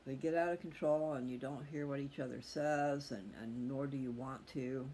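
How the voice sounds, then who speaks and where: This middle-aged host of a personal video channel has a warm, medium-pitched voice with a steady tone and a moderate pace. Casual and candid, he drifts through reflective personal thoughts while addressing his audience directly, with obvious noise behind him.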